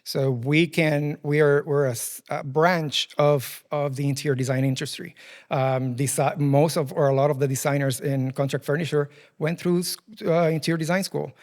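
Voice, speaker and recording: Speaking at a normal pace in a slightly high, steady voice, a man in his forties from Puerto Rico answers interview questions with care and plenty of ums. Spanish is his first language, his accent is Puerto Rican Spanish, and he appears as a guest who heads a furniture dealership.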